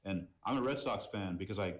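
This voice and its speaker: A middle-aged merchandise business executive from Boston, United States, speaks with an American accent as a podcast guest. His voice is deep and fairly quick, and he talks casually, repeating words and saying "you know" a lot.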